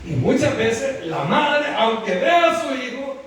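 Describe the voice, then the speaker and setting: A male preacher with a high voice that leaps up and down as he drives his sermon home. He keeps turning to the congregation for agreement. The sound is distant and drenched in hall echo, with a faint hum of ambience underneath. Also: unhurried. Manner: animated, keeps calling on the congregation with "hermano" and "¿verdad?". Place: church hall. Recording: very echoey hall picked up from far off.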